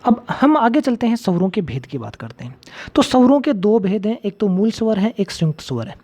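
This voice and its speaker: A man's voice: sits high, very animated, brisk, darkish tone. A man teaching a grammar lecture for exam students. He keeps asking the class questions and repeating his key points. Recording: slightly dull lo-fi audio.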